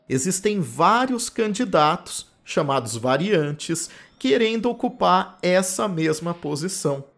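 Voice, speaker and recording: Recorded in his home office, this podcast lecture features a linguistics professor from Campinas, São Paulo state, Brazil, explaining ideas in a slightly high voice. His local accent carries the retroflex caipira R, and "né?" tags pop up often.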